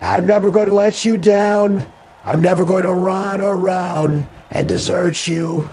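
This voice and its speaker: Guy on a voice changer, morphing voice, high and gravelly, crowd noise behind. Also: fairly even intonation, measured pace. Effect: voice changer morphing his voice.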